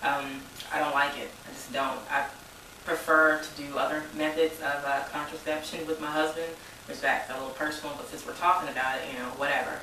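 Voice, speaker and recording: A woman's voice: low voice, flat delivery, brisk, bright, forceful tone, recorded from a distance, a little hiss or hum. A woman, rambling in a casual personal vlog. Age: 20s. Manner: rambling, informal, says y'all. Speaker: vlogger. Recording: echoey room, voice a bit off mic.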